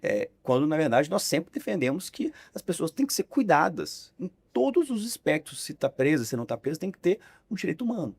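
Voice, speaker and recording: Animated, sarcastic young Brazilian man. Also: on the high side, a little fast, vocal fry, hardly any pauses, breathy edge. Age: 20s. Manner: animated, sarcastic, lively intonation. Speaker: podcast guest, young politician. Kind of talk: casual podcast conversation.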